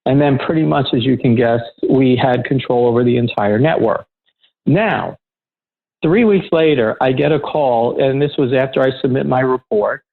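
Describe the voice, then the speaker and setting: A man's voice: mid-range voice, moderate pace, creaky. Middle-aged man telling stories over a tinny line. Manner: lively storyteller who acts out quoted dialogue. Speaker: guest, security professional. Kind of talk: conversational anecdote telling.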